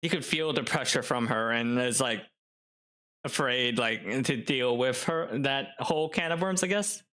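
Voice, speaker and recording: A man's voice: mid-range voice, a little slow, bright, forceful tone. A man streaming a story game, musing aloud with hesitant, filler-heavy commentary.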